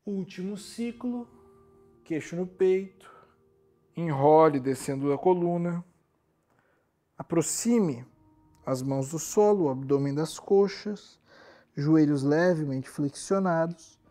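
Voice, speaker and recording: A man with a Brazilian accent guiding a yoga relaxation as an instructor, speaking in a calm, soothing and gently instructive manner. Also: a little high, slow pace, long pauses, faint music behind.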